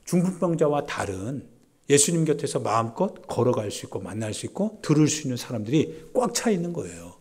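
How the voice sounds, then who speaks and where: A man pastor giving a Sunday sermon in a church service, talking conversationally and swinging from loud pleading to hushed asides. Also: mid-range voice, sing-song, a little fast, slightly rough.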